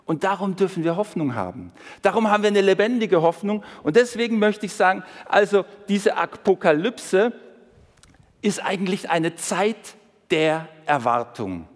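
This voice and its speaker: A man preaching a sermon, emphatic, rising and dropping his voice and slowing down for quoted scripture. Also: high voice, long reverb tail. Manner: emphatic, swings between raised and hushed tones, slows for quoted scripture.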